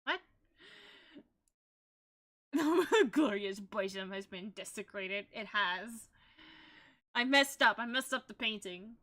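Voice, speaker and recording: A woman's voice: medium pitch, lively intonation, slow pace, long pauses, pushed and bright. A young woman streaming as a VTuber, chatting casually while she paints, rambling and laughing often.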